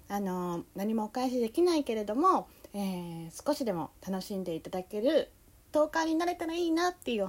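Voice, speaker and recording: Young Kansai-accented woman, solo podcast host, slightly high voice, loose and rambling delivery. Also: a little mellow. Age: young adult. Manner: easygoing, meandering, full of fillers. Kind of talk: casual solo talk.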